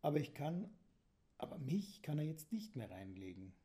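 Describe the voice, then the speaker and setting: A man reading a children's story aloud in a calm, gentle way, sometimes dropping to a whisper. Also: fairly high pitch, moderate pace.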